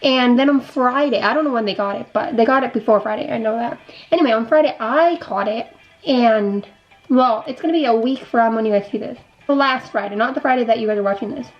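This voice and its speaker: This vlogger is a young woman on the higher side who talks briskly, sounding stuffy and nasal from a sore throat and illness. She rambles through a chatty life update as she applies makeup, repeating herself and restarting ideas. The sound is lo-fi, with soft music underneath.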